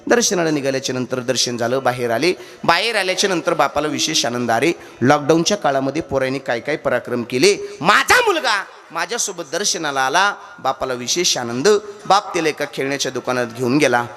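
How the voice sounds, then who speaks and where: A man with a mid-range voice delivers a devotional kirtan sermon at a fairly quick pace. He tells a comic story with lively energy, chanting and acting out each of the characters.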